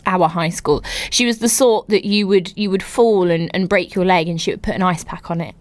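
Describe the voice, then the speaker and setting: A woman's voice: on the low side, moderate pace, dry recording. A woman hosting a podcast, reading listener stories aloud and reacting to them with giggles and exclamations. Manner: animated, giggly, exclaims often. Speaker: podcast host.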